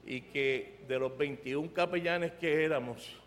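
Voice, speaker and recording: A man with a Puerto Rican accent preaching an animated, emphatic storytelling sermon from a church. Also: on the high side, unhurried, slight background noise. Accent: Puerto Rican Spanish. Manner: animated, emphatic, rising to loud outbursts. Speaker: pastor. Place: church sanctuary. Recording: reverberant church sanctuary.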